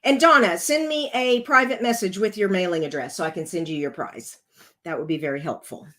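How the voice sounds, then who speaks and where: Chatting her way through every step, a woman leads a relaxed card-making tutorial while she works. Her rough, congested voice is fairly low but bright and forceful, and she speaks a little fast.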